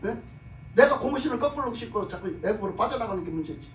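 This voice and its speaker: A woman pastor giving an emphatic sermon, firing off rhetorical questions and rising to shouts. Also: medium pitch, expressive, quick pace. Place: church sanctuary. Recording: echoey hall, mic from a distance, faint room noise.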